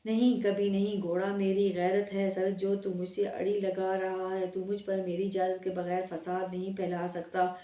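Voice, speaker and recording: A woman's voice: mid-range voice, flat delivery, normal speed, hardly any pauses, warm tone, natural voice. A woman voicing the Earth as a stern spirit. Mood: stern warning. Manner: commanding, warning. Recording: roomy, distant mic.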